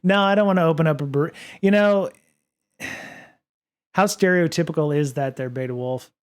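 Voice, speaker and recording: His voice is smooth and fairly high, moving at an ordinary speed. The man, a podcast and livestream host, rambles through viewer comments on a casual home-studio stream, full of fillers and restarts. A studio microphone sits on his desk.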